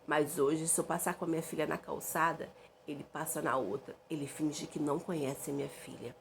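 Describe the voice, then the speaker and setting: A woman's voice: low voice, fairly even intonation, brisk, gravelly, slight background noise. A young woman telling a dramatic personal story in an emphatic way.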